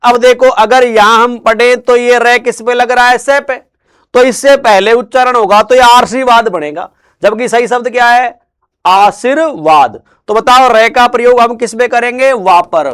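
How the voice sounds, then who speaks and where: A man teaching Hindi grammar in a classroom lecture. He asks questions and answers them himself in a lower, quieter voice, and drawls words out slowly to stress them. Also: steady tone, clean tone. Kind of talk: classroom lecture with call-and-response.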